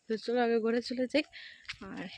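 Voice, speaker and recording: A woman narrating a casual village vlog on a handheld phone as she walks along paths and fields, tired from walking and keeping her voice low. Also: fairly quick, a little hiss or hum. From India. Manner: speaks softly while passing neighbours' yards. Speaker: village lifestyle vlogger. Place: outdoors on village paths and fields, then at home. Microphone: handheld phone camera.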